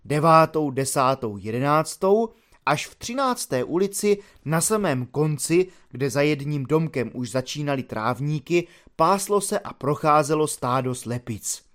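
In this audiobook reading, a man voices a simple soldier who is earnest and courteous, explaining himself at length in a calm, formal way. His voice sits a little high.

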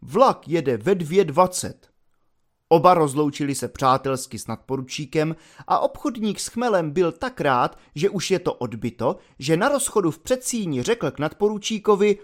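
A man narrating a novel aloud with a lively, sweeping intonation. His voice sits slightly high for a man, and his reading is expressive and animated. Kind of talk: audiobook narration.

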